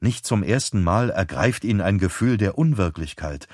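A man narrating an audiobook in an even, measured reading. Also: lowish voice, slightly rough, no room sound, clean studio sound. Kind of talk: scripted narration.

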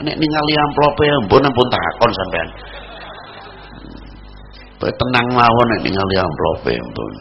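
A man with a Javanese accent preaching a sermon, swinging between loud exhortation and low murmurs. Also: creaky. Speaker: Islamic preacher. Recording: dull lo-fi recording with noise.

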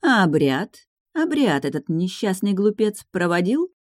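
A woman voicing a haughty, sharp-tongued dragoness lady in an audiobook, talking high, loud and scornful. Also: very animated, unhurried, no room sound, clean studio sound. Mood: knowing. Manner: scornful, commanding, raised and loud. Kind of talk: audiobook character reading.

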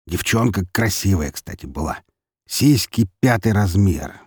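A man voicing a brash, crude, teasing male police investigator, loud and boisterous. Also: low voice, animated, unhurried, breathy edge, no room sound, clean studio sound, heavily acted.

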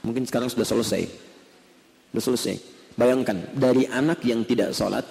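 A man's voice: mid-range voice, fairly even intonation, fairly quick, gravelly, a little mellow. A man preaching a sermon, telling a story and speaking directly to the women listening. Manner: storytelling, addressing women listeners directly, acts out quoted voices. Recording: long hall reverb.

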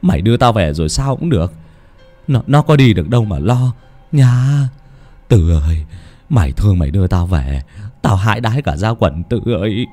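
A man's voice: on the low side, big pitch swings, normal speed, mellow, soft background music. A man voicing a terrified fisherman in his sixties, stammering and wailing in panic. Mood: frightened. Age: 60s.

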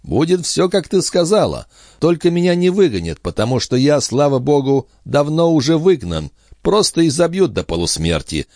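A man voicing a calm, coldly composed young man in an audiobook. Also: on the high side, normal speed, few pauses, no echo, studio quality, pitched above the performer's own voice. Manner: calm, cold. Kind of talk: audiobook character reading.

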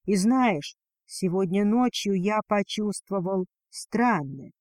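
A woman reading a storybook, voicing a strong, tender male dragon husband in a husky, breathy murmur. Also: mid-range voice, lively intonation, slow, a little mellow, no room sound.

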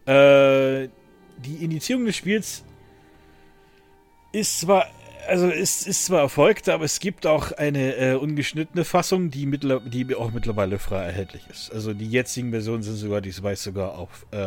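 A man's voice: medium pitch, normal speed. Man, podcast host, casual chat, lots of fillers, faint music behind. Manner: rambling, many fillers and restarts; laughs often.

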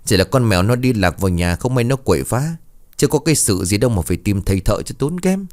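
A man voicing a stingy, scolding middle-aged village mother who nags in a fast, sharp way. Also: animated, lightly acted. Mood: nagging. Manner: nagging, shrill scolding.

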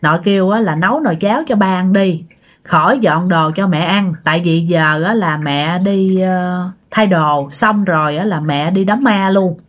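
A woman's voice: fairly low pitch, normal speed. A woman telling a ghost story casually, talking straight to her listeners. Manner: chatty, addresses listeners directly.

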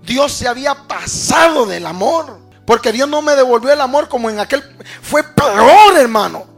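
A man preaching a sermon and telling his own story, swinging from hushed murmurs to fervent shouts and often calling listeners brother. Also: very high-pitched, lively intonation, moderate pace, faint music behind. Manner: calls listeners "hermano" often. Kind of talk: sermon with personal testimony.

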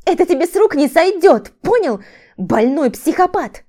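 A woman voicing a furious young ex-wife in an audiobook, snapping back with indignant, sharp retorts. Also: very high voice, very animated, moderate pace, voice pushed up. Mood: shouting.

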